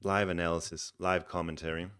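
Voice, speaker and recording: A man from Denmark, Danish accent and all, talks a little fast in a smooth, low voice. He's coaching a game player on a live stream, chatting with viewers in a relaxed, talkative way and frequently restarting words.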